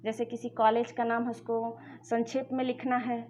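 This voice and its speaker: Woman teaching grammar, higher voice. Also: flat delivery, normal speed, warm tone, a little hiss or hum. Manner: addresses students directly, explains step by step. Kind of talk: explanatory lesson.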